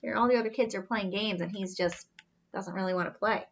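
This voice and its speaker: A mid-range female voice tells a children's story, lively and questioning, with gasps, long drawn-out stresses, and simple questions and asides aimed at little ones. The sound is lo-fi with a little hiss or hum.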